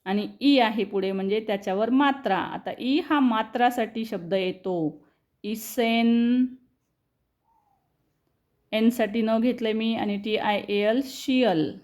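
A woman teaching English reading to students, spelling words out letter by letter and then explaining in quick bursts, checking often that they follow. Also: fairly high pitch, darkish tone. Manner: addresses students directly, checking understanding.

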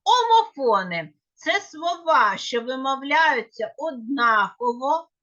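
A woman lectures on grammar in a high, bright voice, taking her time over each example. She explains with care and sometimes stops to correct a slip. The recording sounds muffled and lo-fi. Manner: careful, with small self-corrections. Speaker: teacher. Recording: dull lo-fi recording.

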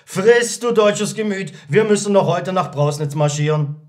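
A man voicing a lanky, brash young tailor who speaks in a thin falsetto and teases his friend. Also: moderate pace, natural voice. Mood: teasing. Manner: loud, bossy and teasing. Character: lanky jittery tailor journeyman, brash, teasing.

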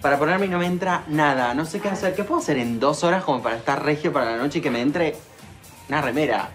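A man's voice: fairly high pitch, quick pace, a bit bright, close to an everyday voice. An actor with a Rioplatense Argentine accent playing a fussy, chatty young man in a TV comedy-drama, faint music behind him. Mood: anxious, dramatic.

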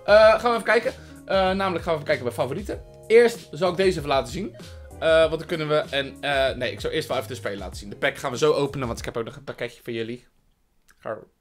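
A man chatting loudly and playfully as a gaming vlogger, joking around and slipping into silly voices. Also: on the high side, fast talker, soft background music. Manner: loud, playful, jokey, shifts into silly voices. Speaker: gaming YouTuber. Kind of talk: excited gaming vlog chat.

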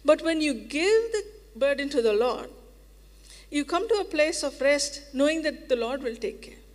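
A woman's voice: sits high, expressive, normal speed. A woman preacher giving a sermon in an earnest, reassuring way, repeating phrases for emphasis. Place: church hall. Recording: reverberant church hall.

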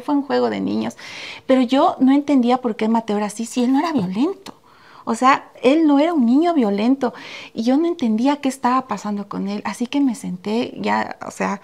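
A middle-aged woman on a podcast, telling a family story in a casual, animated way and acting out the dialogue. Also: on the high side, vocal fry. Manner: animated, acts out quoted dialogue. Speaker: podcast co-host.

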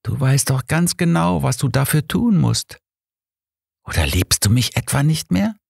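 A man's voice: mid-range voice, sing-song, measured pace, vocal fry, a little mellow, slightly rough, dry recording, clean studio sound, voice pushed up, full character voice. A man voicing the ghost of a dead wife who coaxes and pleads seductively.

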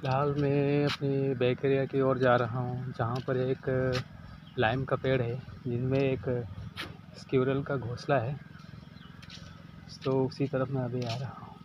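A man's voice: medium pitch, little pitch movement, unhurried, lo-fi sound. A young man casually narrating a village vlog outdoors, chatting to his viewers as friends while filming on a phone. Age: young adult. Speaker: village vlogger. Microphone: phone camera held while walking. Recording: loud outdoor noise, phone mic. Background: chickens and birds outdoors.

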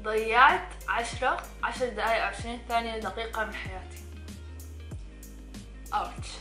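A woman's voice: on the high side, normal speed, sharp tone. A young woman of sixteen with a Levantine Arabic accent, chatting casually as a vlog co-host. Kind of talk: casual chat. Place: living room couch, indoors. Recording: echoey room with music.

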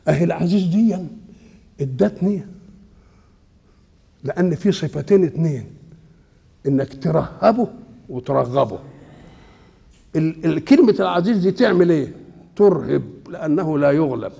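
An older Egyptian Islamic scholar with a gravelly, husky voice on the higher side gives a Quran exegesis lesson while seated indoors. Speaking Egyptian Arabic, he stays colloquial and lively, asking questions and answering them himself.

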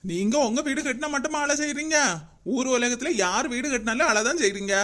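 A man's voice: very high voice, fairly quick, fairly bright tone. A man voicing a chatty, teasing female relative in a cartoon, needling the others as he talks. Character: chatty female relative Chittu, sharp-tongued teaser.

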